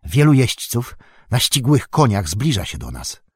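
A man with a husky voice reading the part of a weary, steady human ranger in an audiobook, calm and measured. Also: mid-range voice, no echo, clean studio sound, exaggerated voice. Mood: urgent.

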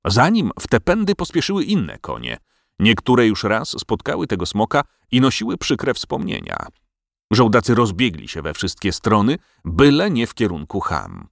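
A man narrating a storybook tale as an audiobook, in an expressive storytelling manner. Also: on the low side, normal speed, vocal fry, dry recording, studio quality.

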